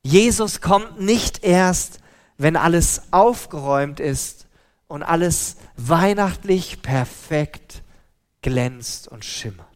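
A man preaching a sermon, slow and deliberate with emphatic pauses. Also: a little high, animated.

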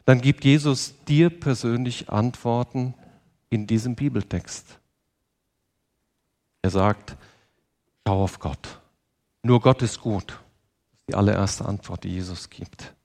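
A man's voice: medium pitch, darkish tone. A man preaching a sermon in an earnest manner, speaking directly to his listeners and asking them questions. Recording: long reverb of a large hall.

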